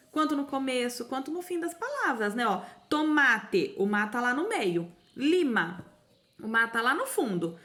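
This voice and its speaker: A Brazilian woman teaching a remote lesson to young children, sounding out words syllable by syllable in a slow sing-song way. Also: a little high, fairly bright tone. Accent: Brazilian Portuguese. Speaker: primary school teacher.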